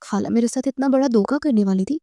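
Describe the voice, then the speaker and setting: Woman voicing a tearful young woman, pleading, high mellow voice, dry sound. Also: no echo, natural voice.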